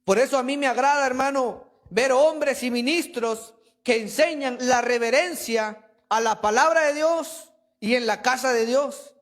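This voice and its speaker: A man's voice: extremely high pitch, measured pace, fairly bright tone. A man preaching a sermon in a church with emphatic, rhetorical delivery, addressing listeners as brother.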